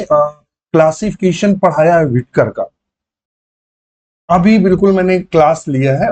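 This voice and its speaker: A male biology teacher runs an exam-prep class, his voice pitched a little high yet mellow in tone. He explains step by step, repeats key terms and fills pauses with short hesitations as he writes. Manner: explains while writing, repeats key terms, many fillers. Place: online class setting.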